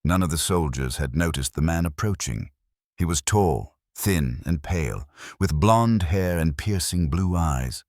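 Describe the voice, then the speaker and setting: A man narrating a dark fantasy audiobook in a steady, measured storytelling manner. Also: low voice, dry recording, clean studio sound.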